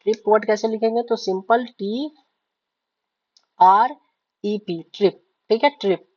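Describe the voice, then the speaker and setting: Here the shorthand teacher is a woman whose mid-range voice has a darkish tone and an unhurried pace. Writing on a board, she works through the mixed-in spoken lesson word by word, spelling letters, repeating herself and asking "ठीक है?" over and over. The sound quality is somewhat dull and lo-fi.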